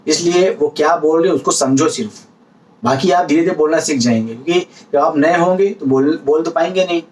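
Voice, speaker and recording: A man with a fairly high voice teaches in a casual, patient way, saying each word twice and then giving an everyday example. He sits a little back from the microphone, so his voice sounds slightly distant. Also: a little fast. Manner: explains patiently with repetition and examples. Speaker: language teacher vlogger. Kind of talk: casual spoken lesson.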